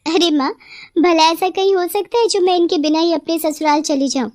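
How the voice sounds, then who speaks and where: A woman's voice: very high voice, fairly even intonation, normal speed, darkish tone, voice pushed up. A woman voicing a devout young bride in a cartoon story. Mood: earnest.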